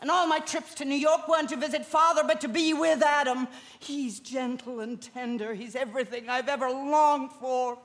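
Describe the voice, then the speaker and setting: An actress playing a resentful, unfaithful wife on stage, cold and defiant. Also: female voice, high-pitched, steady tone, normal speed, few pauses, natural voice. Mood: passionate. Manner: cold and defiant, turning tearful. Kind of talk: stage drama performance.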